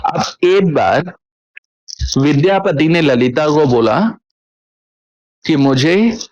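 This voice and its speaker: A man narrates a sacred story in a relaxed, conversational tone. He pauses often to check that his listeners are following. His voice sits a little on the high side for a man. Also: highs cut off. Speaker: katha storyteller. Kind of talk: devotional storytelling discourse.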